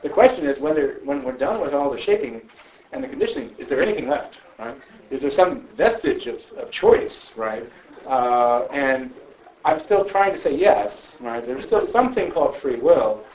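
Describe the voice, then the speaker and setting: A man, a philosopher, answering audience questions in a thoughtful, conversational way, often checking in with a quick "right?". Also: medium pitch, very animated, a little mellow, low-quality recording. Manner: thoughtful, frequent "right?" tags. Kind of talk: conversational public Q&A.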